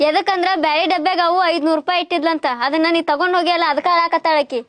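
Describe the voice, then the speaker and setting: A woman's voice: very high voice, fairly even intonation, racing, fairly bright tone, dry recording. A young woman playing a bossy student elder sister, speaking. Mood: scolding. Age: young adult. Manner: bossy, reproachful. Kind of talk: village short-film acting.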